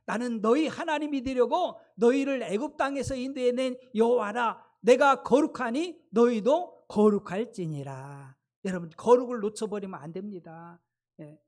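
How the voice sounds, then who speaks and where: A woman's voice: medium pitch, a little mellow. A woman pastor delivering a sermon, emphatic and speaking straight to her congregation. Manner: emphatic, addresses the congregation directly.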